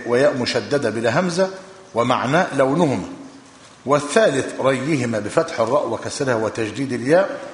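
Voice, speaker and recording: A man with an Egyptian accent teaching a hadith lesson, reading texts aloud in a measured way and explaining them with colloquial asides. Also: mid-range voice. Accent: Egyptian Arabic. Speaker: religious teacher. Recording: echoey hall with long reverb.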